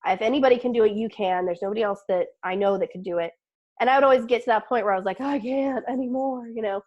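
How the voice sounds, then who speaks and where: A woman's voice: medium pitch, very fast, darkish tone, muffled recording. A middle-aged woman, a business owner and podcast guest, chatting casually and acting out little quoted lines with laughs. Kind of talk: casual interview chat.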